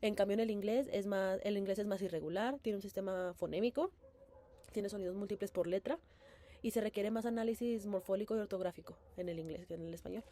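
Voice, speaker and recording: A woman's voice: mid-range voice, quick pace, warm tone. A young woman with a mid-range voice recaps a course in a student presentation. She talks with plenty of fillers and restarts, and often checks in with a questioning "right?". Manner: hesitant, many fillers and self-corrections. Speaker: bilingual education student presenting.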